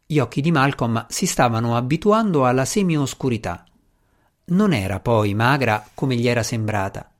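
A man narrating an audiobook chapter in a measured, even reading voice. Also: medium pitch. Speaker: audiobook reader.

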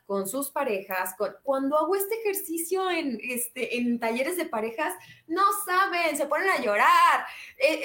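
A woman's voice: high-pitched, a bit bright. Upbeat Mexican woman with a roomy echo. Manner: upbeat, chatty, reads viewer comments aloud. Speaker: self-esteem course host. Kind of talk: casual live-stream talk to viewers.

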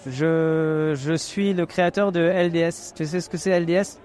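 Jokey podcast host, fairly high voice. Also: male voice, fairly even intonation, moderate pace, a little mellow. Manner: jokey, teasing, chatty. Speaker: podcast host interviewing guests. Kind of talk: casual vox-pop interview.

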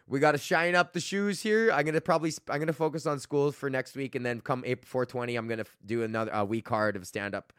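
Still getting his voice back after losing it, a young podcast host from Canada delivers a loose, profane solo ramble packed with "like." His voice is fairly high, a bit bright, and smooth, captured in clean studio sound with no room noise.

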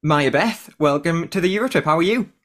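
A podcast host with a Geordie accent from Northeast England chats casually and interviews guests, his voice a little high, animated, fairly quick and a bit bright. The conversation is chatty, full of fillers and laughs.

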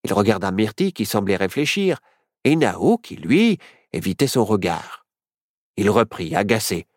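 A man narrating a children's storybook in an expressive, measured way. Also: lowish voice, dry recording, studio quality. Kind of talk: storybook reading.

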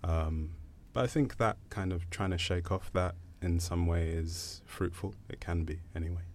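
A poet from Zambia speaking thoughtfully in a panel conversation, pausing often. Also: male voice, deep voice, steady tone, darkish tone, a little hiss or hum. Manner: thoughtful, hesitant, many pauses.

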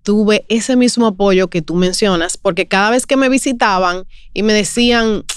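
A woman's voice: medium pitch, moderate pace, smooth, no room sound. Casting note: woman podcast host, affirming and conversational, dry close sound. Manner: affirming, soft backchannels. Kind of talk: conversational interview.

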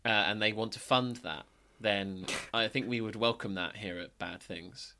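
Co-host, man, bright tone, stumbling exasperated chat. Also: fairly low pitch, a little slow. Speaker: podcast co-host. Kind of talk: casual podcast chat.

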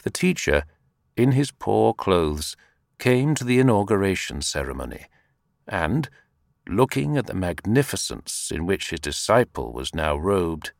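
A man reading short spiritual tales aloud as an audiobook narrator, unhurried and expressive. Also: deep voice, gravelly, dry recording, studio quality.

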